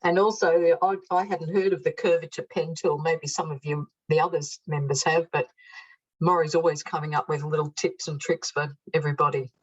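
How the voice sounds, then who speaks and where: A friendly woman chairs an online club meeting over a video call. Her voice is low and husky, and the call audio sounds dull and lo-fi. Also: fairly even intonation, normal speed. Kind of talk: casual online meeting talk.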